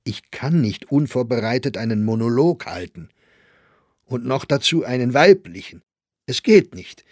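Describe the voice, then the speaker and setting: A man's voice: mid-range voice, animated, unhurried, a little mellow, dry recording, studio quality, voice pushed up. A man voicing a nervous young man who defensively insists and protests in a storybook. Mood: protesting.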